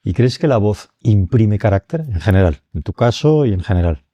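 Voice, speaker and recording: A man's voice: fairly low pitch, lively intonation, normal speed, warm tone, no echo, dull audio. A man asking short probing questions in an interview, heard from a distance.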